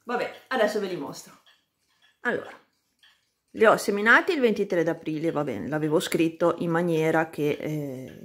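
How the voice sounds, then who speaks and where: A woman vlogging casually about her seedlings, pausing often to search for words as she films with a handheld phone. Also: sits low. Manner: hesitant, searches for words, many fillers. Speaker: plant vlogger. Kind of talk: casual how-to chat.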